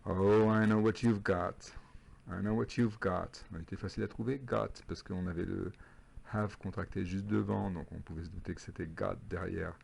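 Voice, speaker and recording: Deep, husky teacher. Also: male voice, fairly even intonation, darkish tone. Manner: patient, repeats phrases slowly. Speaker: English teacher. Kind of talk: recorded homework lesson.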